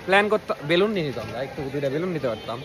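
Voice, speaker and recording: A young man, chatting as he vlogs a birthday surprise, sometimes dropping to a hush. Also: mid-range voice, expressive. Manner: quick chatty, drops to a hush indoors. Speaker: vlogger. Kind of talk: casual vlog narration.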